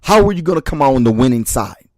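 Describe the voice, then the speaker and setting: A man's voice: medium pitch, expressive, quick pace, no room sound. A man giving a motivational speech, talking straight to his listeners as brothers and sisters and hammering home short repeated refrains. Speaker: motivational speaker.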